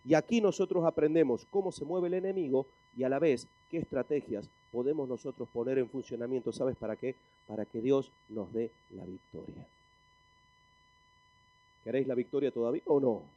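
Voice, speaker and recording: A man's voice: mid-range voice, huge pitch swings, normal speed, mellow, no room sound, muffled recording. A male pastor with a Spain Spanish accent, preaching emphatically and asking the congregation questions as he reads scripture. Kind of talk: sermon.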